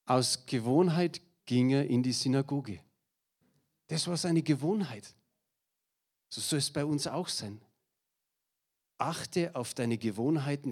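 A middle-aged man preaching a sermon to a congregation, speaking directly to his listeners and mixing in personal anecdotes with self-deprecating humor. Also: medium pitch. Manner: lively, addresses the congregation directly, with a slide presentation.

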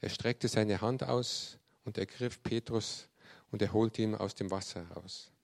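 Gravelly man preaching. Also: fairly low pitch, measured pace. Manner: lively storyteller who acts out quoted speech. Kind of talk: sermon with Bible reading.

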